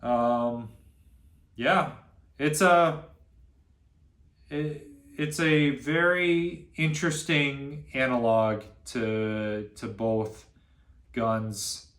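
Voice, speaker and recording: A man's voice: medium pitch, steady tone, very slow, long pauses, a bit bright, reverberant. A young man with a nasal voice reviewing guns in a casual, rambling way, full of fillers and restarts. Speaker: gun reviewer, channel host. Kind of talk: casual unscripted video review. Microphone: camera on a stand.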